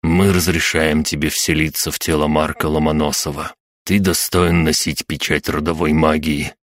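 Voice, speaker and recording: A man's voice: very deep voice, little pitch movement, moderate pace, fairly bright tone. A man playing a grave grey-haired patriarch. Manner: grave, formal.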